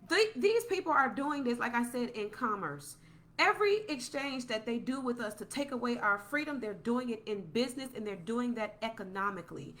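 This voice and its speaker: A woman's voice: a little high, sharp tone. A woman delivering a passionate, preachy podcast monologue, repeating points for emphasis.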